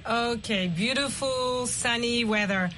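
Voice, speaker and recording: A middle-aged woman hosting an English practice chat, speaking slowly and clearly and repeating the learners' answers. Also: a little high, a bit bright, slight background noise. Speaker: host leading an English conversation session. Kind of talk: encouraging language-practice chat.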